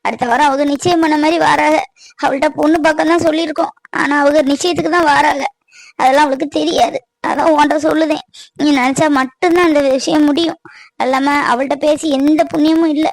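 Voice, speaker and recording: Woman voicing a high, pleading village mother. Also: fairly even intonation, quick pace, gravelly, no echo. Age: middle-aged. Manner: earnest, pleading, tearful. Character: anxious middle-aged village mother, pleading aunt. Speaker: voice actor. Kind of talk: cartoon voice acting.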